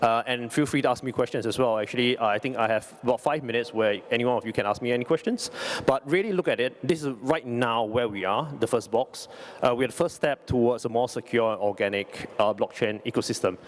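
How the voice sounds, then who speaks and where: Man giving a halting, informal lightning talk. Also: mid-range voice. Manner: halting, with repeated words and self-corrections; informal, conversational presenting. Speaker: company CEO presenting.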